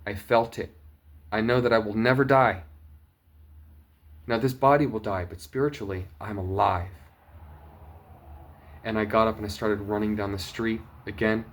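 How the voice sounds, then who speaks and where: A man sharing a personal testimony, earnest and emotional, going from urgent bursts to hushed quiet. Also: mid-range voice, a little hiss or hum. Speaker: testimony vlogger.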